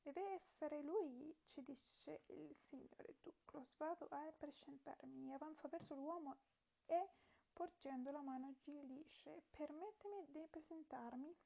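A woman with a high-sitting, warm voice and some vocal fry is heard on a muffled recording. A language learner, she reads a French lesson aloud and translates it slowly and hesitantly, using fillers and correcting herself.

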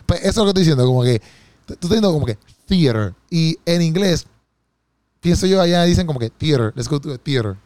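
A man's voice: on the high side, animated, fast, a little mellow, no echo. Playful Puerto Rican man, dry sound. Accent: Puerto Rican Spanish. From Puerto Rico. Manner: playful, talks over his partner, teasing. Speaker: podcast co-host. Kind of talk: casual chat.

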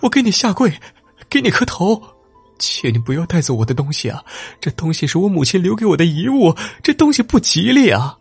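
A man voicing a timid young male peasant who begs through tears in a high, strained voice. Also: big pitch swings, brisk, gravelly, breathy edge, dry recording, soft background music, heavily acted. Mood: pleading, tearful. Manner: high, tearful begging.

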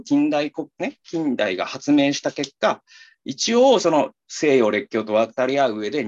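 A man's voice: a little high, highs cut off. A man hosting a talk, explaining at length in a casual, rambling way with many fillers and restarts. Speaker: talk show co-host.

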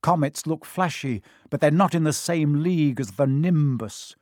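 A man's voice: on the high side, normal speed, a little mellow, no echo, clean studio sound, lightly acted. A man voicing a cheeky, envious eleven-year-old schoolboy who talks eagerly and teasingly, in a storybook reading.

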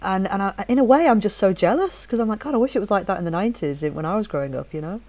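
This fortysomething host from Leeds chats quickly and animatedly, her medium-pitched, slightly mellow voice full of lively intonation. She frequently starts sentences over, and her northern English accent is soft and largely neutral.

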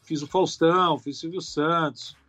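A Brazilian man, comedian and TV writer, chatting casually as a guest with relaxed slang and casual swearing. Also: fairly high pitch, moderate pace. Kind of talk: casual interview chat.

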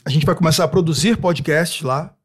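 A man's voice: a little high, fairly quick, breathy edge. A man with a Brazilian Portuguese accent speaking emphatically in a casual podcast conversation, often repeating phrases and checking he is understood. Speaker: podcast guest.

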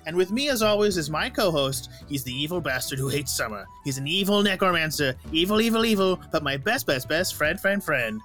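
Bright forceful voice, slightly high, man acting as grandiose immortal wizard, horror-host showmanship, chummy, comedy podcast. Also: animated, fairly quick, hardly any pauses, soft background music. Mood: grandiose welcome. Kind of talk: improvised in-character comedy podcast.

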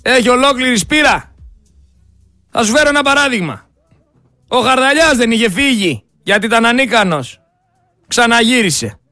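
A man's voice: very high voice, lively intonation, pauses often, bright, forceful tone, dry recording, studio quality, soft background music. A man hosting a radio show, giving angry, sarcastic political commentary and talking straight to his listeners. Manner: indignant, sarcastic, addresses listeners as friends. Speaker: radio host.

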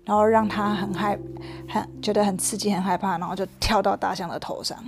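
A woman reading a picture book aloud to a child, narrating playfully with lively sound effects. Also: medium pitch, fairly quick, vocal fry. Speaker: storyteller.

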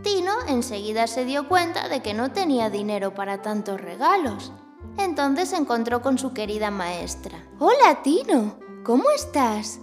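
A woman with a high voice narrates a children's tale like a kids show host. Her intonation rises and falls in an animated way. Soft music plays behind her. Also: moderate pace, big-room sound. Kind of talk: scripted storytelling for children.

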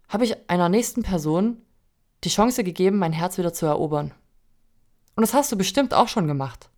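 A woman's voice: fairly low pitch, a little mellow. Earnest woman coaching her listeners. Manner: earnest, coaching, addresses listener directly with rhetorical questions. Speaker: podcast host. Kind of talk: motivational podcast monologue.

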